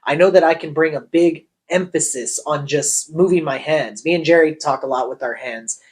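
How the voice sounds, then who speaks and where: A man, a real estate agent, giving sales training on cold calling and acting out call lines as he explains. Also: normal speed. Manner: acts out call lines with shifting pitch.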